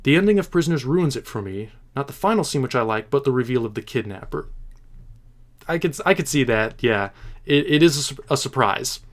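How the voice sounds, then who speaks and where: A man with an expressive mid-range voice hosts a laid-back film chat, fielding viewer questions. He answers thoughtfully but haltingly, often restarting, and clearly loves the films he discusses.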